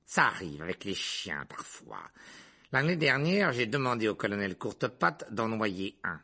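A man voicing a middle-aged bullying aunt in an audiobook, loud, sneering and mocking. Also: on the low side, very animated, unhurried, full character voice. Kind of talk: audiobook character voice.

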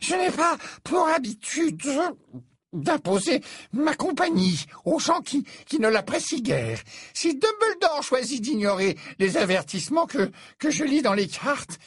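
A reader voicing an old female seer who stammers and turns theatrical, in a high put-on voice with a husky edge. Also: very animated, a little slow, no echo, clean studio sound, heavily acted. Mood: portentous. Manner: shrill, stammering, dramatic.

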